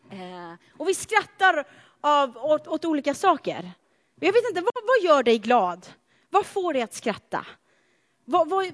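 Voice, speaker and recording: A woman with a high, bright-pitched voice delivers a sermon. She talks in a chatty, animated way and turns to the congregation with playful asides. Her voice rings with the long reverb of a church. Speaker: preacher.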